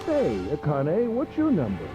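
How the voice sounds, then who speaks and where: A woman's voice: sits low, huge pitch swings, a little slow, over music, pitched below the performer's own voice, heavily acted, poor audio. A woman voicing a smug, cruel middle-aged man villain in a pompous, mocking way while reading a visual novel aloud.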